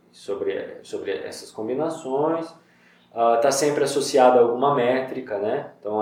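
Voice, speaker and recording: A man explains poetry in a relaxed, conversational lesson, slowing down to sound out syllables one by one. His voice sits at an ordinary pitch for a man. It carries heavy room echo and sounds distant from the mic. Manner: conversational, spells out syllables slowly. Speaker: poetry teacher. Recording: very echoey room, voice far from mic.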